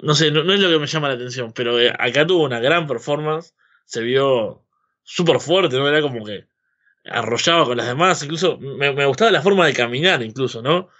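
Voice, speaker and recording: Male podcast host, Rioplatense accent, forceful bright tone, rambling casual opinions, slightly dull lo-fi mic. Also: mid-range voice, a little fast. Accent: Rioplatense Spanish. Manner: rambling, seeking agreement with frequent tag questions. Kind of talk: casual opinionated chat about wrestling.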